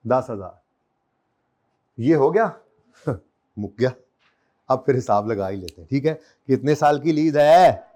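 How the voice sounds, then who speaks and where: A man's voice: mid-range voice, animated, unhurried, long pauses, mellow. A man teaching an accounting class in a classroom, chatty and joking, counting years aloud and quizzing his students. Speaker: accounting lecturer. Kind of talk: classroom lecture. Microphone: recorded lecture.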